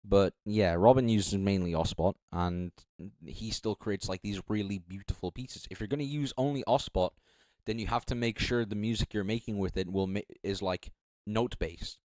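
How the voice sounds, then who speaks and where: A man's voice: lowish voice, moderate pace, darkish tone, no room sound. A young man casually commenting on a live stream, rambling, correcting himself and swearing freely. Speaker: streamer judging beatbox entries.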